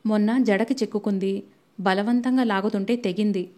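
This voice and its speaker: A woman voicing a timid, anxious young wife who speaks softly and hesitantly, in a storybook reading. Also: medium pitch, fairly even intonation, normal speed, close to an everyday voice. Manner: soft, hesitant, faltering.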